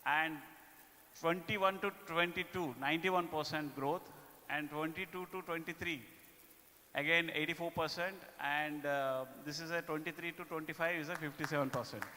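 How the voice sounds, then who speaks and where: A man with an Indian accent giving a corporate performance presentation to staff, speaking haltingly and often tagging his phrases with "okay". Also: fairly high pitch, fairly even intonation, bright, forceful tone. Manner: halting delivery with repeated "okay" tags. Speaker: business presenter. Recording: echoey hall with long reverb.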